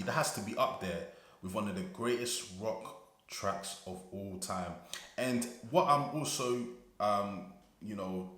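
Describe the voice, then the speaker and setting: A man's voice: fairly low pitch, a bit bright, reverberant. A British man hosting a music reaction channel, gushing and breathless, full of fillers and restarts. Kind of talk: excited music reaction commentary.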